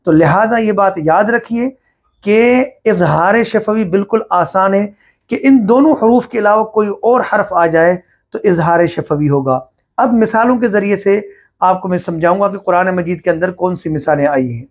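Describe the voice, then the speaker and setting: A middle-aged man teaching Quran recitation rules, explaining each point slowly and step by step. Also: high voice. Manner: slow, deliberate, explaining step by step. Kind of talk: religious lesson on recitation rules.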